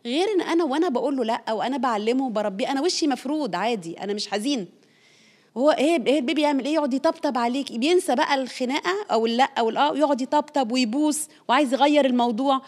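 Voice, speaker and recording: A woman's voice: sits high, animated, rapid-fire, a little mellow. A woman with an Egyptian Arabic accent giving an earnest, explanatory parenting talk, repeating her points for emphasis. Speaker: parenting speaker. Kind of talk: conversational teaching talk.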